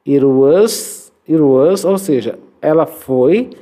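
A man teaching English to Portuguese speakers in a recorded lesson, slowly modeling phrases for students to repeat. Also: fairly high pitch, lively intonation, mellow. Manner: slow, drawn-out modeling of English phrases for repetition.

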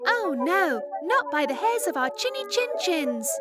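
A woman squeaking as two scared little pigs. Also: big pitch swings, unhurried, over loud music, full character voice. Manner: high, squealing fright.

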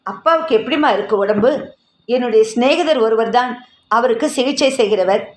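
A woman's voice: a little high, moderate pace, roomy sound, lightly acted. A woman reading a kind, frank doctor.

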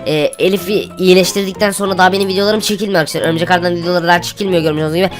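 Woman playing a spider-suit boy hero, cheerful, chatty, lowish voice, rapid-fire. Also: little pitch movement, faint music behind, natural voice.

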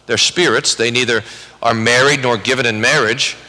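A man teaches scripture to a conference audience in a large, echoing hall, and his bright, forceful voice carries a long reverb. He talks conversationally, restarting phrases as he goes. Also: medium pitch, steady tone, moderate pace. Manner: conversational, restarts often, acts out quoted voices. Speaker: conference speaker, Bible teacher. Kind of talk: lecture-style sermon.

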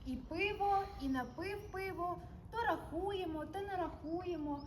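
A woman playing a sharp-tongued kvass seller. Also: very high-pitched, unhurried, reverberant, slight background noise. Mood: teasing. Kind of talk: historical theatre acting. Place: outdoors at night.

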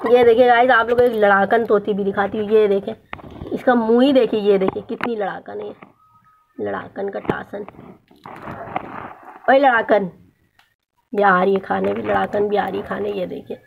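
A woman's voice: mid-range voice, steady tone, normal speed, gravelly, long pauses. A woman in a casual pet vlog, coaxing her parrots in a sing-song voice while talking to viewers. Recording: dull lo-fi sound with loud background noise.

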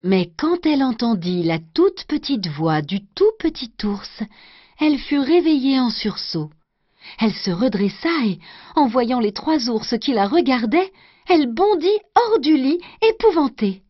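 Slow, lively woman telling a storybook. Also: fairly high pitch, no room sound. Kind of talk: scripted storybook narration. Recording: dry, dull lo-fi recording.

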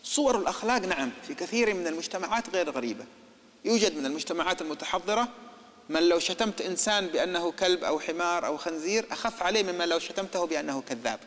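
A man delivers a religious lecture at a quick clip, his voice sitting high. He poses rhetorical questions and acts out little imagined exchanges. A long reverb trails behind his words. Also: expressive, a bit bright. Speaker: preacher.

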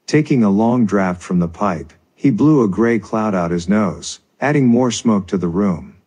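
A male narrator reads a folk tale in a measured, steady delivery. His voice sits low and has a husky grain. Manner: measured storytelling. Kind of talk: scripted narration.

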